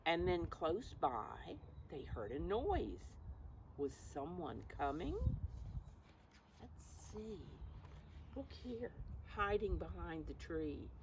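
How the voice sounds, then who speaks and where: A woman with a fairly low voice and wide pitch swings reads a picture book aloud to young children, with background noise behind her. She speaks slowly, explains the story in simple phrases, and asks her small listeners questions.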